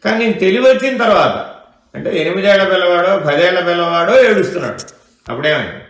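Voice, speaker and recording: Male spiritual teacher, slightly high, gravelly voice, quizzing his listeners through a discourse in an echoey room. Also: expressive, quick pace, fairly bright tone. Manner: keeps asking listeners rhetorical questions. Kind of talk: question-and-answer spiritual discourse.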